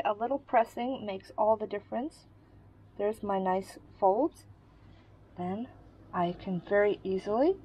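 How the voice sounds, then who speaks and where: A woman's voice: mid-range voice, darkish tone, slight background noise, rough recording. A woman giving a casual sewing tutorial, explaining each step in a friendly way while she works. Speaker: sewing instructor.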